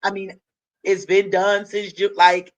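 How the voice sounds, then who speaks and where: A woman hosting a casual interview show, reacting with excitable exclamations. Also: medium pitch, measured pace. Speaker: show host.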